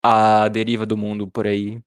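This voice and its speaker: Brazilian male podcast co-host, low voice, halting casual chat. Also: monotone, clear, resonant tone, dry recording. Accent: Brazilian Portuguese. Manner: hesitant, restarts words often.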